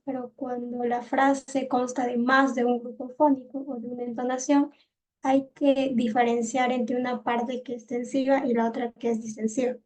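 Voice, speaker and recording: A woman's voice: on the high side, darkish tone. A young woman giving her part of a class presentation, reading steadily. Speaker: student presenter.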